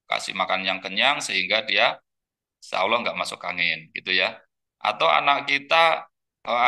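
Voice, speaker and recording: A man giving a relaxed parenting lecture for a webinar, chatty and full of fillers, sometimes acting out gentle words a parent says to a child. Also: lowish voice. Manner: conversational, with many fillers and repeated phrases. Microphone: webinar computer mic.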